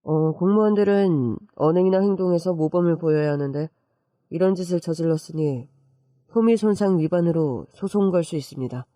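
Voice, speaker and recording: A man voicing a lawyer who explains things in a measured, matter-of-fact way. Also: a little high, mellow, dry recording, studio quality, close to an everyday voice. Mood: calm. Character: calm professional lawyer, man.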